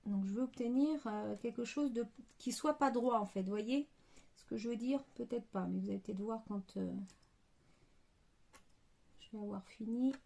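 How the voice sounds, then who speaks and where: A woman's voice: a little high, moderate pace, vocal fry, long pauses, mellow. A woman hosting a card-making tutorial, thinking aloud with many hesitations. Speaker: crafting tutorial host.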